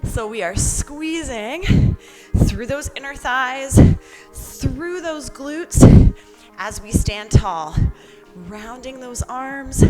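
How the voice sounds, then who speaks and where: Woman, fitness instructor, high pitch, slow measured pace, encouraging workout cues, active while talking. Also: expressive, darkish tone, soft background music, low-quality recording. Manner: exerting herself while talking, exercising along. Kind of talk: upbeat workout coaching with counts and cues.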